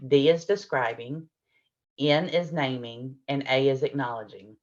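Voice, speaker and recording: A woman's voice: extremely low pitch, unhurried, dull audio. A middle-aged woman presenting a parenting workshop, explaining with patient examples and acting out what adults and children say. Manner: warm explanatory, acts out adult and child lines.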